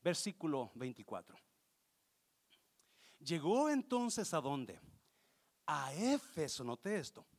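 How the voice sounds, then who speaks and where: Fiery gravelly-voiced man preaching a sermon. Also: on the high side, big pitch swings, slow pace, pauses often. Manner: passionate, swings from quiet to shouting, mixes in English. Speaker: pastor.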